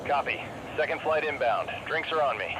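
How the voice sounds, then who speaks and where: A man's voice: on the high side, animated, normal speed. A man playing a jet pilot on radio through his oxygen mask. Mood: clipped. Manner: clipped radio procedure talk. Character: calm male attack-jet pilot on radio. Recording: loud battle noise behind.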